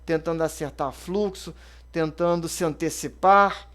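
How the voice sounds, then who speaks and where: A Brazilian man in his thirties or forties, an investment advisor, talks through his approach with a rather high voice. His delivery is casual and conversational, dotted with fillers and quick self-corrections. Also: a bit bright. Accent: Brazilian Portuguese. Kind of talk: casual explanatory talk.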